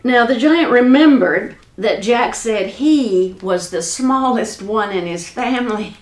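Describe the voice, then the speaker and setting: Slow-reading woman storyteller, echoey room. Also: fairly high pitch, expressive. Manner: unhurried folksy reading. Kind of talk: storybook narration.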